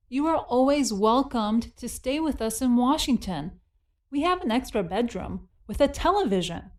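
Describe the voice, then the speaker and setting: Woman doing a young woman talking to family, high voice, slow and careful. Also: a little mellow. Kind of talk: scripted dialogue for English lesson.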